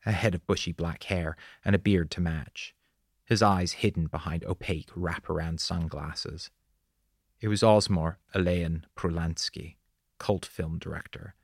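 A man narrating an audiobook in a measured, descriptive storytelling manner. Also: sits low, fairly even intonation, gravelly, dry recording, studio quality.

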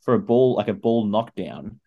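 A man's voice: fairly low pitch, animated, moderate pace, husky, narrow, tinny audio. A man chatting casually about sport as a podcast host, in a laid-back, hesitant, rambling way.

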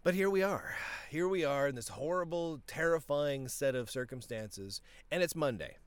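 A man's voice: on the high side, normal speed, clear, resonant tone, no room sound. A man hosting a casual political commentary podcast, talking with many restarts, with a tickle in his throat that makes him cough. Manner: animated, talks with frequent restarts. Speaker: podcast host.

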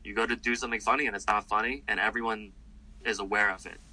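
A man's voice: fairly low pitch, fast, poor audio. A male comedian being interviewed, talking in a loose, rambling way with lots of fillers and restarts. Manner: rambling and animated, with many fillers. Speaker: comedian guest. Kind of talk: casual interview talk.

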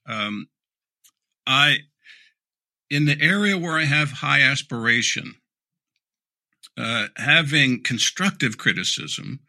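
Middle aged guy, super bright voice, frank and a bit sarcastic, stumbles and restarts a lot. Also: medium pitch, lively intonation, takes it slowly, gravelly, pauses often. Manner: candid, dryly sarcastic, repeats words when restarting. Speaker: leadership speaker and guest. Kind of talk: conversational interview answers.

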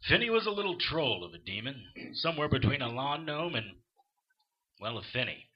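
A man plays a sarcastic, short-fused supernatural detective in a noir audio drama. His voice is rough and husky, with lively swings and dry hard-boiled phrasing. The recording sounds slightly muffled. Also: mid-range voice, a little fast. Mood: wry narration. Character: sardonic, short-tempered male supernatural private eye.

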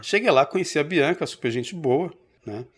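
A man's voice: on the high side, lively intonation, normal speed, breathy edge. A man from Brazil co-hosting a podcast, telling a long story in casual chat and acting out the quoted voices. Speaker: podcast co-host.

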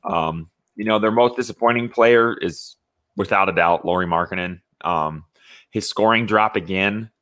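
A man's voice: lowish voice, moderate pace, a bit bright, no room sound. A young man from Indiana, co-hosting a sports podcast in a loose, conversational way with lots of fillers and restarts. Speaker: podcast co-host. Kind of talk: casual sports talk.

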